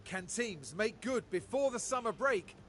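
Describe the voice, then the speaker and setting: An actor playing a male race broadcast presenter, giving a scripted preview in a smooth announcer delivery. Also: high-pitched, lively intonation, unhurried, a bit bright. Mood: upbeat.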